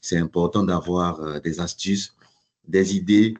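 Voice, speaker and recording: A man with a very deep voice gives formal opening remarks at an online webinar. He speaks deliberately, hesitating and repeating words as he works through his thoughts. He sounds like he is on a computer mic during a video call. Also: fairly even intonation, darkish tone. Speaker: chapter president giving opening remarks.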